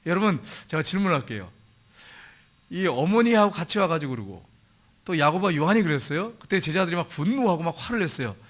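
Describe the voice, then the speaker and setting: A man preaching a sermon to his congregation in church. He asks them questions directly and reads scripture slowly. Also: on the high side, sing-song. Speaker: pastor. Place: church sanctuary.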